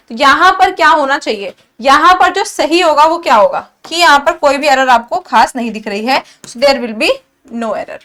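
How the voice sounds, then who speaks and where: A woman teaching English grammar for exam prep. She explains in Hindi mixed with English terms, reads sample sentences slowly word by word, and asks quick questions that she answers herself. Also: high voice, a bit bright.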